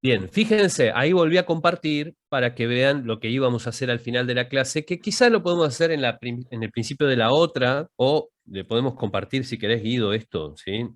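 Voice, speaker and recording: A man's voice: mid-range voice, animated, fairly quick, hardly any pauses. A man teaching an online public speaking class, explaining breathing and demonstrating vowel exercises over a video call. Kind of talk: online masterclass with vocal demonstrations.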